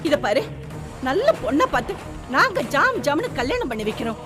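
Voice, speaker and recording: An indignant middle-aged mother in a TV serial, scolding and lamenting. Her voice is high and swoops widely, over prominent music. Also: very animated, a little fast. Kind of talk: TV serial acting. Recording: with loud background music.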